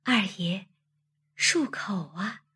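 A woman voicing a shy, flustered young maidservant who speaks softly and timidly. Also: mid-range voice, takes it slowly, breathy edge. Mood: hushed shy. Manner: soft, hushed and timid.

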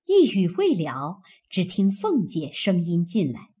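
A woman narrating a classic novel in a slow, measured storytelling manner. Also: lowish voice, wildly swooping pitch, mellow, breathy edge.

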